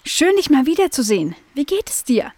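A woman's voice: high voice, very animated, a little fast, a little mellow, no echo, pitched above the performer's own voice. A woman voicing a curious, cheerful young female dog in a children's audio story, talking eagerly.

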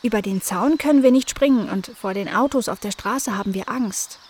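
A woman's voice: mid-range voice, normal speed, darkish tone, husky, lightly acted. A woman voicing a cheeky, carefree young female cat.

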